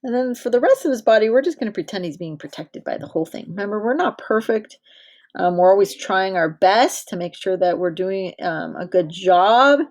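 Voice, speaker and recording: A woman's voice: medium pitch, expressive, moderate pace, darkish tone. A woman teacher in her thirties leading a drawing lesson for small children, patient and encouraging. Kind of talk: directed drawing lesson for young kids.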